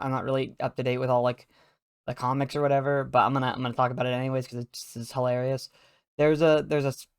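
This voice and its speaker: A man's voice: medium pitch, dry recording. Rambling young man, dry sound. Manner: rambling, laughing often, many fillers. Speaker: video creator. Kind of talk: casual chat.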